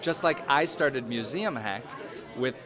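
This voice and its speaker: A man's voice: mid-range voice, lively intonation, measured pace. Casual male vlogger, upbeat and chatty, slightly winded, crowd noise nearby. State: out of breath. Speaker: vlogger host. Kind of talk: casual vlog narration. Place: college campus.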